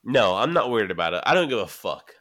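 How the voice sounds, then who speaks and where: A man's voice: fairly low pitch, very animated, a little fast, a bit bright. A man in his late twenties on a casual podcast, a bit drunk and rambling, laughing often. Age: 20s. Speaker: podcast co-host. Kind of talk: casual chat.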